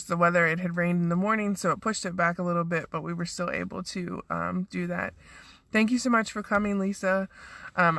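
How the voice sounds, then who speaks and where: A woman's voice: fairly low pitch, fairly bright tone, no room sound. A woman who is losing her voice, casually recapping her event and thanking sponsors with lots of ums. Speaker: event organizer. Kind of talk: casual live video recap.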